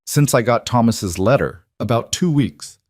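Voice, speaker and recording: A man voicing a steady, protective frontier cowboy who speaks in firm, clipped commands. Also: medium pitch, unhurried, dry recording, clean studio sound.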